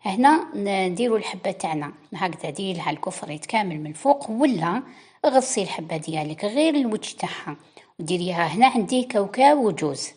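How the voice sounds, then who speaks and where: Husky Algerian Arabic woman teaching baking. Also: lowish voice, a little mellow. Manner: instructive, chatty, addressing viewers directly. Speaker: cooking channel host. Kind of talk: cooking tutorial voice-over.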